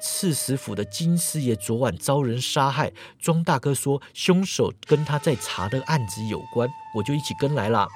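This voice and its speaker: A man's voice: mid-range voice, animated, moderate pace, few pauses, faint music behind, pitched below the performer's own voice, natural voice. A man voicing a nervous young constable in a storytelling podcast, in a near-natural voice. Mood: anxious. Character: anxious young male constable.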